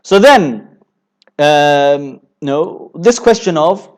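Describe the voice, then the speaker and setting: Guy with a high voice giving a religious talk, keeps saying you know, repeats himself. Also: animated, slow pace. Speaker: Islamic preacher. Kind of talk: religious lecture.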